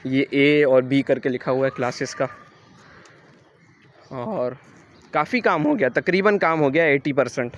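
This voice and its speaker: A young Pakistani man with a Karachi Urdu accent narrates a student campus tour from an outdoor construction site, holding a phone camera. His medium-pitched delivery is measured and casual, pausing often and full of "uh" fillers as he thinks aloud. The highs in the recording are cut off.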